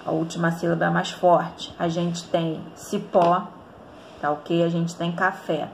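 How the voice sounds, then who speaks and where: A woman's voice: on the low side, level tone, unhurried, vocal fry, darkish tone, a little hiss or hum. A woman with a Brazilian Portuguese accent teaching an online grammar lesson, explaining step by step and often checking in with the students.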